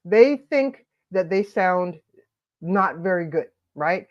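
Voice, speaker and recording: Allergies leave this woman's lowish voice nasal and congested as she runs a daily confidence live stream, welcoming viewers by name and sharing cheerful coaching advice. She talks slowly with lively intonation, and the highs in the recording are cut off.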